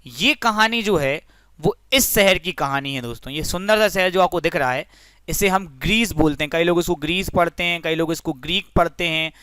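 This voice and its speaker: A man's voice: a little high, normal speed, bright, forceful tone, clear, resonant tone, dry recording. A young man teaching a physics lesson through a story, friendly and explanatory, often addressing the listeners as friends.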